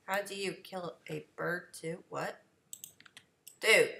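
A woman co-hosting a gaming video, chatting playfully and excitably. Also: on the low side, takes it slowly, creaky. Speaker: co-host of a gaming channel. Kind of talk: casual gameplay chat.

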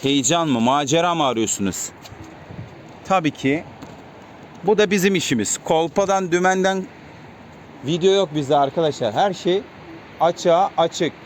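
A man's voice: a little high, normal speed, pauses often. Man chatting outdoors at his pigeon loft. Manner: chatty, calls out to birds in repeated commands. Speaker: pigeon keeper vlogger. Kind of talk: casual vlog talk to viewers. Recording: faint outdoor noise. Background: birds and city sounds.

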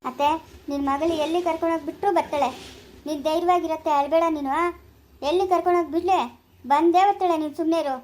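A woman playing a kind young village woman gently reassuring her crying aunt in a family drama. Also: very high-pitched, steady tone, quick pace. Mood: soothing. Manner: soothing, reassuring. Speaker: neighbor comforting the mother. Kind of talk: amateur family drama acting.

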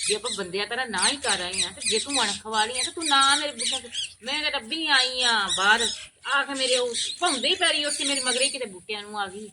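Fast, aggrieved woman with a Punjabi accent. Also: a little high, very noisy. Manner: aggrieved, complaining rant. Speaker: actor in a village short film. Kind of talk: rural Punjabi short-film acting.

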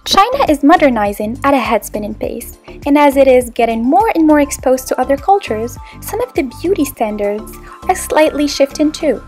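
A young woman from Morocco reads her video narration in a high, light voice. Her delivery is scripted and explanatory. Faint music plays underneath. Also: big pitch swings, normal speed. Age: young adult. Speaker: student presenter.

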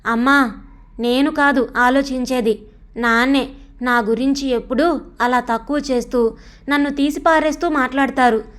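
A woman's voice: high voice, steady tone, moderate pace, long pauses, fairly bright tone. A woman voicing a stubborn, resentful teenage son who talks back sarcastically in a storybook reading. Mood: defiant. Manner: sulky, defiant, sarcastic.

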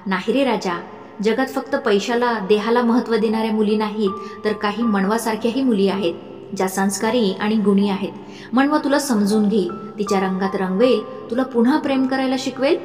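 A woman voicing an older mother figure who is fond but insistent, speaking slowly and coaxingly in an audiobook story. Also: medium pitch, darkish tone, natural voice. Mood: pleading. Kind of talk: audiobook narration. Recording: echoey room with faint music.

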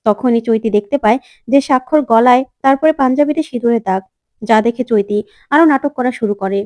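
A woman narrating a recap of a drama serial episode in a brisk, eager way. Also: on the high side, darkish tone, no room sound. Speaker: channel narrator. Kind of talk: scripted story retelling.

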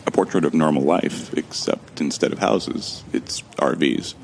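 Extremely deep and threaded with gravelly fry, this man's voice narrates a first-person sci-fi audio drama in which he is also the protagonist. His manner is wry and casual, joking and occasionally swearing, unhurried and a little mellow, with slight background noise.

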